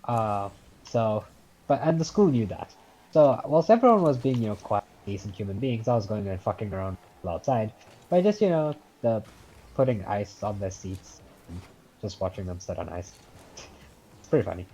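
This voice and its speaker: A young man with a Scouse accent tells a story in a loose, meandering way, and his voice swings up and down a lot. His tone is mellow and a little husky, and he swears freely. The sound comes through a dull, lo-fi mic. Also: on the low side, sing-song, normal speed. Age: late teens. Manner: rambling, swears often, chuckles at his own story. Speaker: podcast host. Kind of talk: casual storytelling.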